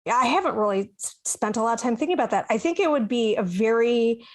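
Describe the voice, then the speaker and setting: A woman with a voice a little higher than most speaks on a podcast panel. She talks casually and reflectively, pausing mid-sentence to find the right word. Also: animated. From Chicago, USA. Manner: thoughtful, searches for words mid-sentence.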